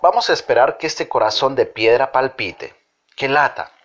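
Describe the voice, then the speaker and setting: A man playing a gentle children's teacher who acts foolish on purpose. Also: mid-range voice, normal speed, natural voice. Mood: playful. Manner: gently playful, mock-foolish. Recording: dull lo-fi recording.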